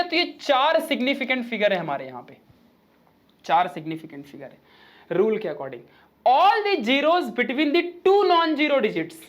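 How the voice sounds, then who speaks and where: A male physics teacher, giving a chatty, informal online lecture in which he reads rules out slowly and then explains them with joking asides. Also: very high-pitched, a bit bright.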